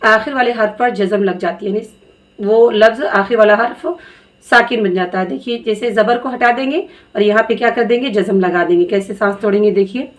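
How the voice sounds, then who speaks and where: A woman teaching Quran reading, spelling out letters slowly and patiently before blending them into words. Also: medium pitch. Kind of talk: slow spelled-out recitation lesson.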